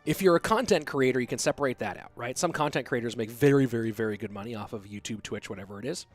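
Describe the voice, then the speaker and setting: A young man with a cold-stuffed nose casts a match solo, calling the play-by-play and reading chat as a relaxed esports commentator. He's a fast talker with a medium-pitched voice, faint music behind him, and he answers viewers' questions between plays.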